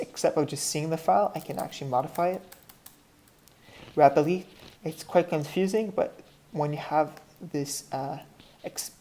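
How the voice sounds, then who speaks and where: A woman with a French accent walks through a computer tutorial in a low, mellow voice. She thinks aloud as she goes, breaking off mid-phrase to restart or correct herself. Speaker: tutorial instructor. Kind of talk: screen-share software tutorial.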